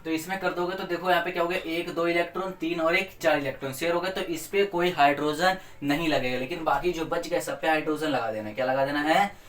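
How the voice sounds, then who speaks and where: A male teacher runs a chemistry revision in a slightly higher voice, playful and quizzing the class as he answers his own questions. His sound carries the echo of a roomy space and comes from a few steps away from the mic. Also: quick pace, hardly any pauses, a bit bright, slight background noise. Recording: echoey room, mic at a distance.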